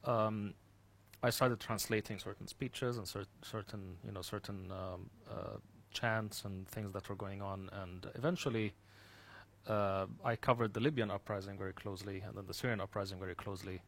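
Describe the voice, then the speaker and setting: Lowish-voiced guy from the gulf, lots of ums, restarts, trails off soft. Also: fairly even intonation, moderate pace, gravelly. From Gulf region. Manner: thoughtful, many fillers and restarts, trailing off quietly. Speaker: guest speaker, activist. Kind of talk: personal account in an interview.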